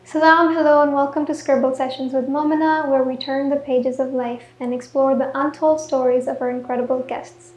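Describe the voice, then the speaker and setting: A woman's voice: sits high, flat delivery, brisk, hardly any pauses, reverberant, dull audio. A woman hosting a podcast interview, upbeat and welcoming, who mixes in Urdu words. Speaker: podcast host.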